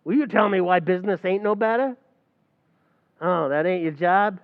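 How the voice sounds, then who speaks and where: A man speaks at normal speed in a voice that sits high, playing a brash, scheming tavern manager in a recreated old-time radio comedy. The character wisecracks and mangles big words, and the audio is tinny and phone-like.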